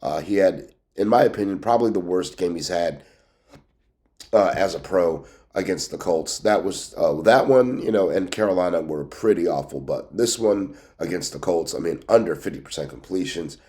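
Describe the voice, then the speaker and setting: Congested, nasal low-voiced man. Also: lively intonation, moderate pace, mellow. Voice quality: congested, nasal, as with a pinched nose. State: has a cold with a scratchy throat. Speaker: host of a sports team news show. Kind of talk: casual sports commentary.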